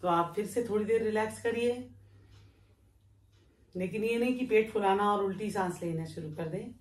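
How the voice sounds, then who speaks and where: A woman yoga teacher giving a calm, step-by-step breathing lesson while she demonstrates it. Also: medium pitch, moderate pace. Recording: echoey room with faint background noise.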